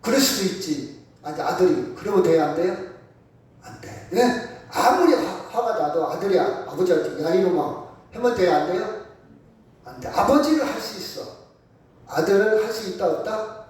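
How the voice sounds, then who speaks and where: A man's voice: high voice, very animated, normal speed, darkish tone. A male pastor preaching a sermon. He keeps asking the congregation questions and repeats key words for emphasis. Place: church sanctuary. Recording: echoey church hall from far off.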